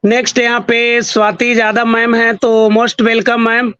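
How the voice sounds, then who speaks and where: Male host, polite welcomes; high voice, unhurried, dry muffled call sound. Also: completely flat delivery, pushed and bright, clear, resonant tone, no room sound. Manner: polite, repeated thanks and welcomes. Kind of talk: hosting an online session.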